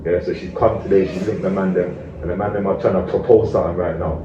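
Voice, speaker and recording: A community activist with a London roadman accent, from multicultural street London, talks to camera in emphatic, slang-heavy street talk full of tag questions. His voice is low-pitched and steady, and he speaks quickly. The audio is roomy, distant and dull, with faint noise.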